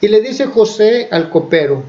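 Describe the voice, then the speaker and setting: Man, preacher, retelling a Bible story, conversational, fillers and self-corrections, somewhat high-pitched, dull lo-fi recording. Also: expressive, unhurried, darkish tone.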